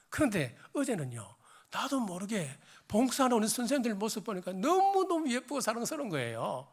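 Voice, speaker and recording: A hoarse middle-aged pastor with a Gyeongsang accent, preaching a sermon in a church, swinging from emphatic exhortation to chatty storytelling. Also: male voice, high voice. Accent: Gyeongsang Korean. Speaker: senior pastor. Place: church sanctuary.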